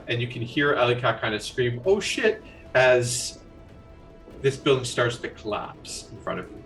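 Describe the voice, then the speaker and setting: A man's voice: medium pitch, a bit bright, far from the mic. Casual man running a tabletop game. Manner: casual, rambling narration with fillers. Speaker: game master.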